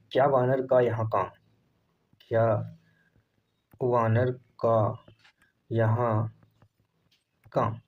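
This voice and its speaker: A man teaching a grammar lesson for exam students, who dictates definitions and repeats phrases slowly so that students can copy them down. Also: mid-range voice. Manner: repeats phrases slowly for note-taking, addresses students as "saathi". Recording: slightly dull audio with faint noise.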